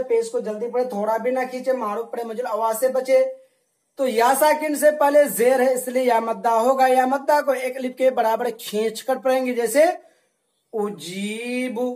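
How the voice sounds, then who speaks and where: A male religious studies teacher giving a recorded lesson, slowly drilling rules with repeated questions and answers. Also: very high voice, steady tone, a little mellow, reverberant, rough recording. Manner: slow, repetitive drilling with call-and-response questions.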